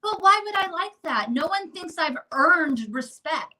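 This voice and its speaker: A woman's voice: very high voice, unhurried, low-quality recording. A woman in her thirties chatting candidly and animatedly on a home livestream, talking at a mirror by a window. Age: 30s. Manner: candid and animated, talks over others. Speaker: livestream co-host. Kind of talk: casual livestream chat.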